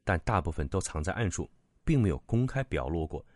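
A man narrating a serialized folk tale in a lively, expressive storytelling manner. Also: low-pitched, a little fast, no echo, studio quality.

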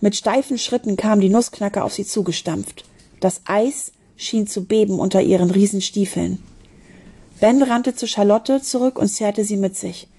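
A woman's voice: medium pitch, moderate pace, warm tone, husky. A woman reading a children's story aloud, expressively, with small slips and restarts. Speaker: narrator.

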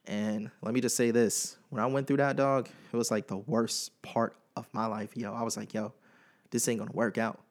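A man's voice: mid-range voice, steady tone, moderate pace, few pauses. A young man hosting a podcast, speaking candidly and emotionally in a casual personal monologue full of slang. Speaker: podcast host.

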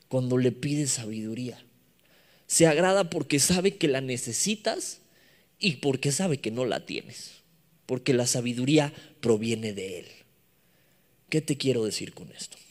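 Young mexican guy preaching to teens, bouncy up-and-down voice, casual slang, big reverb hall. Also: a little high. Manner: animated, playful slang mixed with scripture. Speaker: youth preacher. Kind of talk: sermon. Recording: long echoing reverb of a hall.

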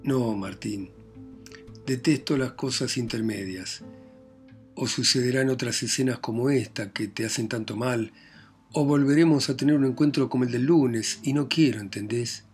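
A man's voice: medium pitch, moderate pace, a little mellow, soft background music, close to an everyday voice. A man reading the lines of a bitter, tormented young woman who pushes her lover away, curt and harsh.

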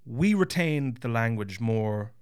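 A man's voice: mid-range voice, animated, takes it slowly, a little mellow, smooth. A man from County Kerry with a west of Ireland accent, chatting casually and bluntly with plenty of swearing. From County Kerry, southwest Ireland. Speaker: guest. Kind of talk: casual conversation.

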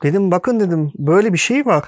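A man's voice: high-pitched, lively intonation, fast, darkish tone, no room sound. A man telling a long story in casual conversation, animatedly acting out the dialogue he quotes.

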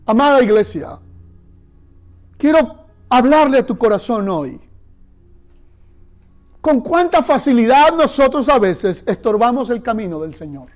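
A male pastor delivers a sermon in a strikingly high voice. He tells stories and speaks directly to his church, leading them in call-and-response. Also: big pitch swings, unhurried, pauses often, a little mellow. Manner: leads the congregation in call-and-response; storytelling, addressing the church directly.

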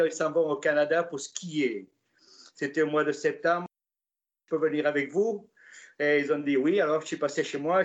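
A man in his sixties with a Gascon French accent, telling his life story in a relaxed, casual way with frequent hesitations. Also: on the high side, dull audio. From southwest France. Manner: relaxed, hesitant with many "euh" fillers. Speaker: interview guest.

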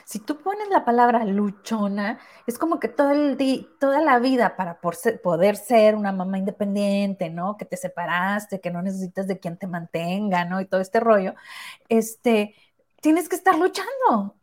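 A woman's voice: mid-range voice, expressive, moderate pace. A woman chatting casually, often tagging her sentences with questions. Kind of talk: casual conversation.

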